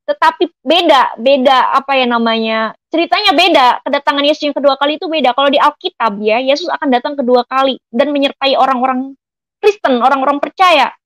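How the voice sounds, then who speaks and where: A woman's voice: high voice, brisk, fairly bright tone, no echo, rough recording. A woman giving an emotional personal faith testimony, telling her story earnestly and often addressing her listeners as friends. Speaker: testimony speaker.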